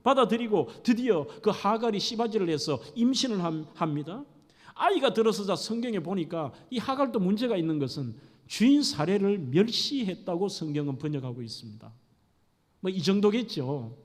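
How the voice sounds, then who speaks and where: A man's voice: high voice, sing-song, normal speed. A middle-aged male pastor preaching a sermon with dramatic storytelling, acting out scenes. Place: church sanctuary. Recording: echoey church hall.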